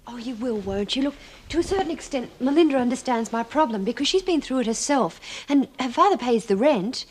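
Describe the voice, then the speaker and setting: A woman's voice: high voice, lively intonation, brisk, slight background noise. An actress playing an earnest, hesitant young woman student on parole, in a television drama. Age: young adult. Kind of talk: television prison drama acting.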